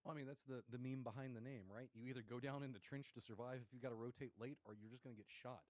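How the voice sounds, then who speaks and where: Fast-talking male esports caster. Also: medium pitch, steady tone, darkish tone, dry recording. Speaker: esports commentator. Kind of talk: live game commentary.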